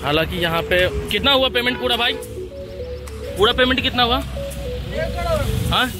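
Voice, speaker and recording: A man's voice: extremely high pitch, lively intonation, normal speed. A young man from Bihar vlogging with friends at a street stall at night, joking and talking to his viewers on a phone camera. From Bihar, India. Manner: joking, loud, addresses viewers as guys. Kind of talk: casual vlog banter. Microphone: phone camera held at arm's length. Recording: loud street music and crowd noise. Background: loud music and crowd.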